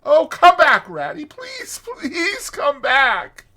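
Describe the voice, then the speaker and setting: A man's voice: extremely high pitch, wildly swooping pitch, slow pace, sharp tone, pitched above the performer's own voice, full character voice. A man voicing a timid, homesick mole who pleads with stammering urgency in a storybook reading. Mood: anguished pleading.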